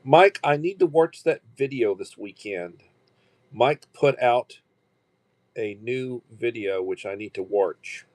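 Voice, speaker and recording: Heard in a dry recording, the voice is mid-range and a little mellow, with lively intonation. It belongs to a man in his sixties hosting a casual livestream, who rambles and keeps restarting, with plenty of fillers.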